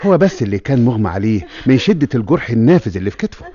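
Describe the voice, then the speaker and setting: An actor playing a calm, firm police officer in a classic radio drama, speaking Egyptian Arabic. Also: male voice, medium pitch, racing, close to an everyday voice. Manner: firm, calming. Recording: lo-fi old radio recording.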